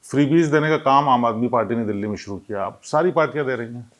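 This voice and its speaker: Guy interviewing about politics, average pitch, rambles a bit into long questions. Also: quick pace.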